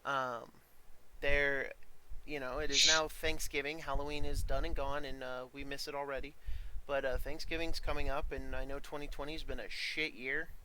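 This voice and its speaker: A man's voice: mid-range voice, level tone, moderate pace, bright, forceful tone, a little hiss or hum, low-quality recording. A man wrapping up an online tabletop game as dungeon master, rambling in a friendly way with many ums and uhs.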